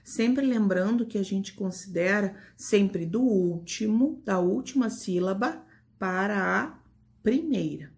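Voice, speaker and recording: A woman with a Brazilian Portuguese accent speaks to young pupils in an online lesson, taking her time over every word. Her voice carries a gravelly, creaky edge, and her manner is patient and affectionate. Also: mid-range voice, animated, a little mellow. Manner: slow, patient, affectionate teacher talk. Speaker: primary school teacher. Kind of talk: online grammar lesson for children.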